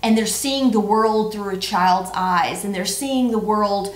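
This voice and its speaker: A woman in her forties co-hosts a vlog, chatting casually and answering tag questions in a playful, emphatic way, often repeating her words. Her voice is mid-range and her pace measured, and the recording sounds roomy and echoey.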